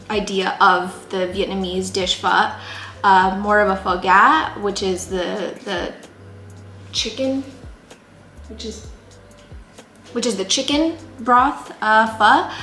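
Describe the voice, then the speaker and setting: Rambling and chatty with plenty of fillers, a young cooking video host from San Jose, California walks viewers through a casual tutorial in a home kitchen. Her voice is mid-range and a bit bright. The room is echoey, with pots, dishes and knife clicks clattering behind her.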